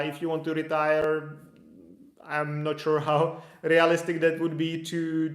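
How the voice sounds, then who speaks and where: In an echoey room, a man with a higher voice works as an immigration consultant, fielding viewer questions during a live-stream Q&A. His explanations are casual, and he thinks out loud, often restarting and saying "like."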